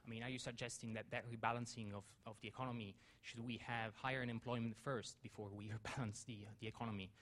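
Quick, halting Italian-accented man. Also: medium pitch, steady tone, a bit bright. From Italy. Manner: halting, repeats words while searching for phrasing. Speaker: audience member asking a question. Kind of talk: spontaneous question at a public debate.

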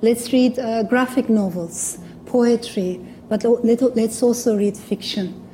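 A Turkish-accented woman from Turkey speaks English as a second language while giving a public talk as a guest. Unhurried, mellow and fairly high in pitch, she is thoughtful and sincere, with the odd small restart. Some light background noise is present.

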